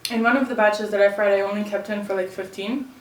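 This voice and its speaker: A woman hosting a mukbang, chatting casually while eating crunchy fried chicken and pausing to chew. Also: medium pitch, fairly even intonation. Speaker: mukbang host. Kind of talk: casual eating-show chat. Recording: roomy echo, distant mic, faint noise.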